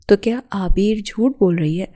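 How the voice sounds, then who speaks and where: A jealous, domineering young man shouts and threatens, as a woman reads him in an audio novel. The voice stays warm and mellow even in his rage, with no real shift into a male register. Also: mid-range voice, lightly acted. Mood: furious.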